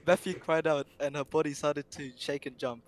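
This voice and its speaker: A man's voice: fairly high pitch, fairly even intonation, normal speed, a little hiss or hum. A young man narrating an amateur comedic reading aloud, often stumbling over words and breaking into laughter.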